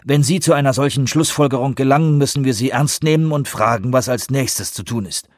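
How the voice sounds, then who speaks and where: A man's voice: medium pitch, fairly quick, darkish tone, dry recording, clean studio sound, voice pushed up, natural voice. A man voicing a curt, dismissive male defense secretary in an audiobook reading.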